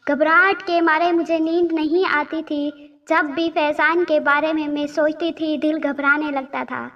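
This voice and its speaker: A woman's voice: sits high, flat delivery, far from the mic, lo-fi sound. A woman telling a first-person story as a storyteller, emotional, with quoted dialogue.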